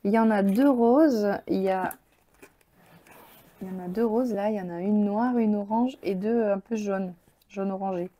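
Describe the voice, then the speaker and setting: A woman's voice: mid-range voice, moderate pace, mellow. A woman hosting a crafting channel, chatting casually and enthusiastically as she unboxes supplies, thinking aloud with many fillers.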